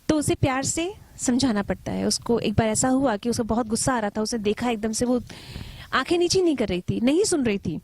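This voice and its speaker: A woman in her thirties giving parenting advice in a calm, patient lesson, asking the listener questions and mixing in English words. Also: fairly high pitch, dry recording. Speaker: kindergarten teacher giving parenting tips. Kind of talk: talk-to-camera parenting lesson.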